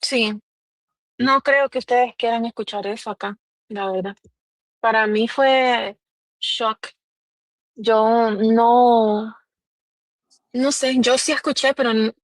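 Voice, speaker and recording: A woman's voice: fairly high pitch, fairly even intonation, takes it slowly, long pauses, no room sound. A woman recounting events in a live audio chat, hesitant with many fillers, acting out quoted dialogue. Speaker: guest reporting on a trial.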